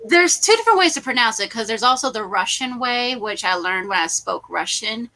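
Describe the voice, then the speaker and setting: A woman's voice: on the high side, expressive, brisk, sharp tone, low-quality recording. A woman hosting a casual livestream watch party, chatting animatedly and laughing often. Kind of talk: casual group chat on a livestream.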